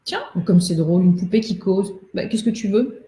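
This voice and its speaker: A woman's voice: mid-range voice, moderate pace, warm tone, close to an everyday voice. A woman voicing a jolly, hard-drinking sailor who talks in a hearty, teasing way, in a roomy echo. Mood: amused. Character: hard-drinking male sailor, jovial and boastful.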